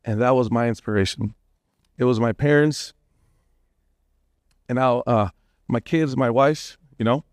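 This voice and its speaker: A man whose first language is Spanish, from Las Vegas, speaks on a panel with open emotion. His voice is smooth and resonant, recorded close and dry. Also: mid-range voice, a little slow, pauses often, dry recording. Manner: emotional, heartfelt, mixes in Spanish phrases. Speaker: real estate agent on a panel. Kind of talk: panel discussion.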